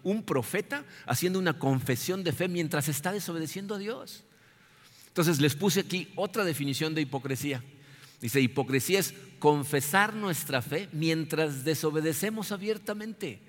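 Preacher in an echoing hall. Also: male voice, a little high, moderate pace. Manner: animated, asks "¿no?" after most sentences. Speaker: pastor. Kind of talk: sermon. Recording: long hall reverb.

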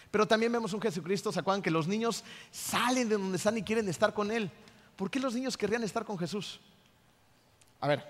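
A man, a pastor preaching a lively sermon in a church, constantly throwing rhetorical questions at the congregation. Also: fairly high pitch. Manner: animated, asks the congregation many rhetorical questions. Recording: reverberant church hall.

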